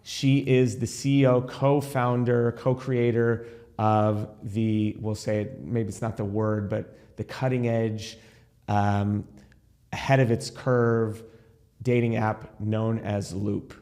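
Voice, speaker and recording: In a studio, a man who is both a rabbi and a podcast host conducts a casual, chatty interview with enthusiasm and long, wandering introductions. He speaks slowly in a fairly low, dark voice with a flat delivery.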